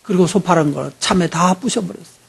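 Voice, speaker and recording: A man's voice: high-pitched, fairly quick, gravelly, husky. A man preaching a sermon as pastor, telling a story, acting out voices and putting questions to the congregation.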